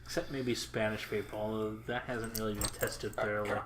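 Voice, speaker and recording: A man casually chatting on a podcast as co-host, halting with lots of filler pauses and dry, crude jokes. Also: lowish voice, flat delivery, slight background noise.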